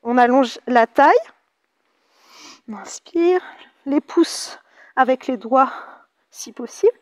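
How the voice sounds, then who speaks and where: A woman's voice: high voice, slow, a little mellow, no echo, clean studio sound. Cheerful French woman teaching Pilates. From France. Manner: cheerful, counts out reps, chatty asides. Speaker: Pilates instructor. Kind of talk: guided exercise class.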